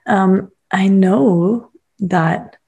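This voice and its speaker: A young woman co-hosting a podcast in casual chat, easygoing and quick with "mm-hmm" replies. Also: mid-range voice, gravelly, dark tone, slightly rough. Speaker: podcast co-host.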